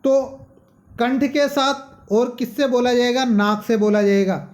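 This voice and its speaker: A man's voice: extremely high pitch, a little slow. A man teaching a grammar lesson, dictating syllables one at a time, asking questions and answering them himself. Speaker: Sanskrit teacher.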